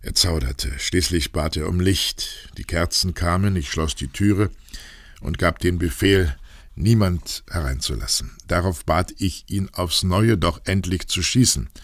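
A man's voice: deep voice, unhurried, dry recording, clean studio sound. A man voicing a troubled aristocratic count in an audiobook, telling his story in a grave, confessional way. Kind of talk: audiobook reading.

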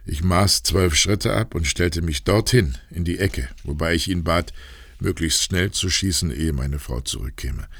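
A troubled aristocratic count, read by a man with a very low, gravelly voice. He tells his story in a grave, confessional manner. The dry recording has no room echo. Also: unhurried, a bit bright, heavily acted. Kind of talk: audiobook reading.

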